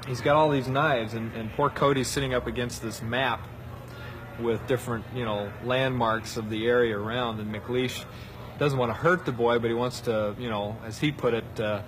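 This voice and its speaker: Brief: male animator, informal interview talk, medium pitch, noisy surroundings. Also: fairly even intonation, normal speed. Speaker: character animator. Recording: noticeable background noise.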